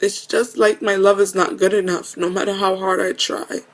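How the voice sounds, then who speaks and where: A woman speaking to camera in an emotional confessional video message, earnest and halting, often stumbling over her words. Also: mid-range voice, flat delivery. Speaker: vlogger.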